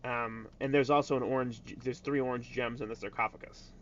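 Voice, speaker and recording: A man's voice: medium pitch, steady tone, fairly bright tone, a little hiss or hum. Casual male game master, muffled. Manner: casual, halting with fillers. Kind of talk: narrating a tabletop game.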